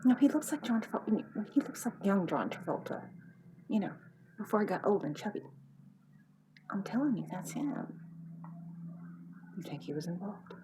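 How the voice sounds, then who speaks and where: A woman voicing a nosy gossiping wife who pesters her husband, dropping to hushed whispers and then bursting out loud. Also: mid-range voice, very animated, normal speed, long pauses, noisy background, voice pushed up, close to an everyday voice. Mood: gossipy.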